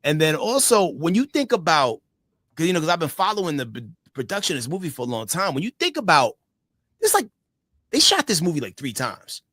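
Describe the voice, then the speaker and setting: A man co-hosting a casual fan podcast, relaxed and joking, heavy on slang. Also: a little high, a little fast, no room sound, studio quality. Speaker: co-host.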